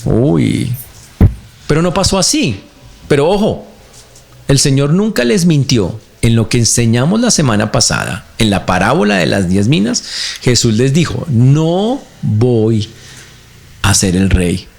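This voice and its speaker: A man's voice: mid-range voice, sing-song, normal speed, creaky. A man preaching a sermon to his congregation, asking them rhetorical questions as he goes. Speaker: pastor.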